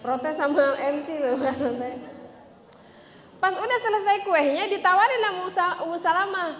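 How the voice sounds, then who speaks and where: A woman preacher, telling stories in a lively, chatty way and acting out the voices. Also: extremely high pitch, normal speed. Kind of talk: casual religious talk to women. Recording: echoey hall with faint ambience.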